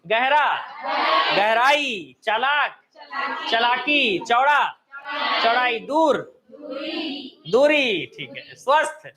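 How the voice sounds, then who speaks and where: A man's voice: extremely high pitch, expressive, drawn-out words, long pauses, a crowd in the background. A man teaching an online exam-prep class, calling out words one by one, asking students for answers and then correcting them. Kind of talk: online coaching class, quizzing students on word forms.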